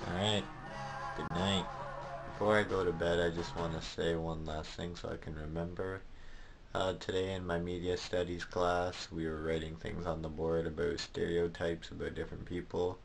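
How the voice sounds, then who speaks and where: Over soft background music, a young man with a low-pitched voice and vocal fry speaks at normal speed. He is a vlogger, teenage or young adult, filming a casual video diary indoors in his small bedroom with the camera at arm's length, and his delivery is hesitant, rambling and flat.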